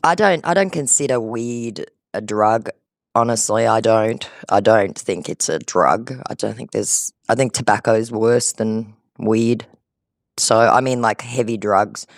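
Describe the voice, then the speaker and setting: A scambaiter on a call with a scammer chats casually, explaining things in a talkative, conversational way. His voice is lowish and measured, with clean studio sound and no echo.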